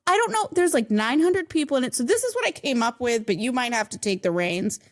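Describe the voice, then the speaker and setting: A woman's voice: on the high side, animated, a little fast. A woman hosting a podcast in casual chat, playful and laughing often, at a studio table. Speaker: podcast host.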